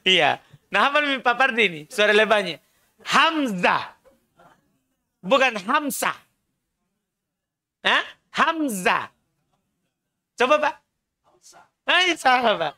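A man's voice: very high-pitched, sing-song, takes it slowly, pauses often, sharp tone. A man teaching an Arabic class, patiently drilling pronunciation and having students repeat after him. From Indonesia. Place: small prayer room classroom.

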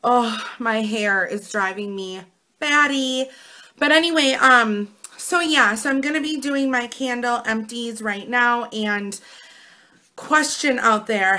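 A vlogger in her thirties chats casually to camera, rambling as she goes, in an American Midwestern accent. Her raspy voice sits on the high side, slow, with a bright, forceful tone.

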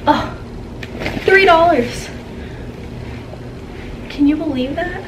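In a noisy room at home, a young adult vlogger with a very high voice takes her time chatting about a haul to a camera on a tripod. She sits as she talks, giggling and telling gossipy stories.

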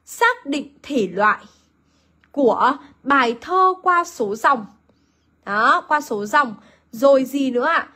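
A woman's voice: high-pitched, fairly bright tone. A woman teaching an online literature lesson, asking her students questions, answering them herself and repeating key points. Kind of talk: online lesson explaining a poem.

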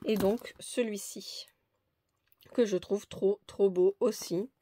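A woman's voice: medium pitch, fairly even intonation, slow pace, dark tone, a little hiss or hum. A woman presenting a crafting haul in a casual, hesitant, chatty way with many fillers. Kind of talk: casual show-and-tell haul.

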